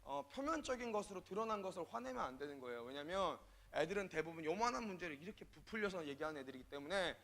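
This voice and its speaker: A man preaching as a youth minister, telling a story with lively acted-out dialogue that swings between soft asides and loud bursts. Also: sits high, fast, few pauses. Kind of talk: storytelling sermon.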